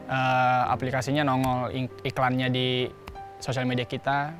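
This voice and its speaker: A man's voice: mid-range voice, completely flat delivery, normal speed, fairly bright tone, soft background music. A young man on a discussion panel, easygoing and rambling with fillers. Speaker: panel guest. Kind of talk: casual discussion.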